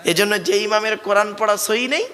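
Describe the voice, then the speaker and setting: A man's voice: sits high, a little fast, big-room sound. A man preaching a Bengali waz sermon to a crowd, calling them "father", asking them to answer back and drilling correct Arabic pronunciation. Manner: calls the crowd "bap" and "baba", asks it to answer back; rhetorical questions, rising to shouted lines.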